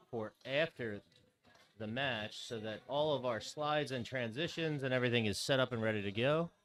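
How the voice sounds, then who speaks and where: A man giving casual, teasing live commentary on darts in colloquial, conversational language. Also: mid-range voice.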